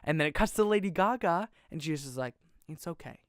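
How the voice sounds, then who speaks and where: A young man hosting a podcast, reviewing a film in a casual, rambling, excitable way and often correcting himself mid-sentence. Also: a little high, fast, clear, resonant tone, no room sound, clean studio sound. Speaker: podcast host.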